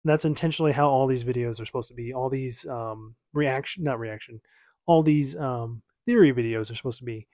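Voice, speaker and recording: Reacting to his own old video, a thirtyish man talks in an easygoing ramble, correcting himself along the way. He speaks at a fairly quick pace in a mellow, medium-pitched voice. It's night in his small, lamp-lit home office, and the studio-quality audio has no echo.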